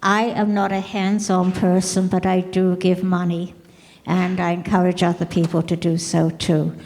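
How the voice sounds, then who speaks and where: A woman's voice: fairly low pitch, flat delivery, normal speed, a little mellow. An older woman making an unscripted comment from the audience at a talk. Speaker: audience member. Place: lecture hall. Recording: reverberant hall.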